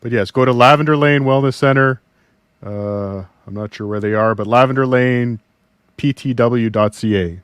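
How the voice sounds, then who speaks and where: A man's voice: medium pitch, normal speed, fairly bright tone, clean tone, no echo, studio quality. A man from Minnesota hosting an interview, wrapping up in an easygoing, joking way. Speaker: show host. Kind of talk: casual interview chat.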